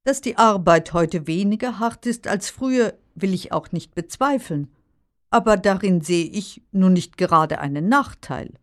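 A woman's voice: mid-range voice, animated, unhurried, natural voice. Woman playing practical daughter in a lesson dialogue, dry and skeptical. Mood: skeptical, questioning. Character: practical, skeptical grown daughter of a nostalgic father. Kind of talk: scripted language-lesson dialogue.

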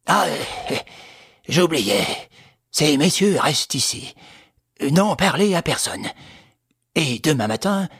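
A panicked, pleading engineer, as a male reader puts him on, his very husky voice leaping up and down. He begs and cries out in anguish. The recording is close and dry. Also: mid-range voice, a bit bright, no echo, exaggerated voice. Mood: fretful. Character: terrified older man, wealthy engineer, desperate.

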